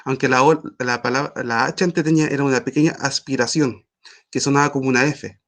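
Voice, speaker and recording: A man teaching an online language class, explaining patiently with frequent pauses and fillers. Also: mid-range voice, fairly even intonation, a bit bright.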